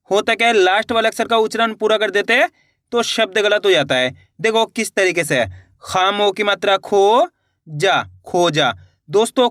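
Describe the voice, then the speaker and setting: A man teaching a beginner reading lesson, sounding out words slowly syllable by syllable and talking directly to his viewers. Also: high voice, a bit bright, no echo, clean studio sound. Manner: slow syllable-by-syllable spelling, addresses viewers as friends. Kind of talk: video lesson.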